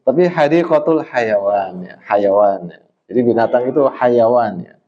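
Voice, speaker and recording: A man teaching Arabic to a class, drilling questions and explaining words patiently, often ending phrases with a soft "ya". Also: mid-range voice, animated, a little hiss or hum. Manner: slow, patient drilling with frequent "ya". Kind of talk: classroom Arabic lesson in Indonesian. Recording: roomy, slightly dull classroom sound.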